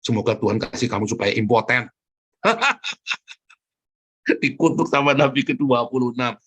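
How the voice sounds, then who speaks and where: A man preaching a sermon in with a tinge, fiery and mocking, swinging between loud jabs and low asides. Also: fast talker, breathy edge.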